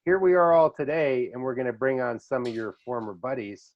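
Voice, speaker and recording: A middle-aged man hosting a podcast, swapping stories in a casual, animated way and laughing easily. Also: medium pitch, a little fast. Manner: animated storyteller who drops into voices and laughs easily. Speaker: podcast host. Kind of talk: casual reminiscing chat. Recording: dull lo-fi audio.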